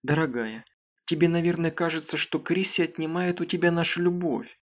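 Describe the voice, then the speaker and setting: A man's voice: fairly high pitch, fairly even intonation, moderate pace, voice pushed up, natural voice. A man putting on a tender, anxious mother. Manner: tender, soothing. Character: caring, anxious middle-aged mother.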